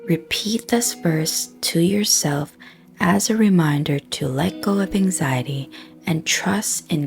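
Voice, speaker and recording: Leading a scripted guided prayer meditation, a woman with a low voice speaks softly, breathily and very slowly, pausing between short phrases. Gentle plucked guitar music plays quietly behind her.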